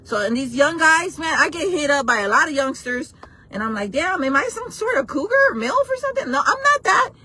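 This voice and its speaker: A woman's voice: high voice, very animated, a little fast, sharp tone. A woman in her forties hosting a casual livestream chat, talking bluntly and playfully while she reacts to her chat. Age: 40s. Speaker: livestream host.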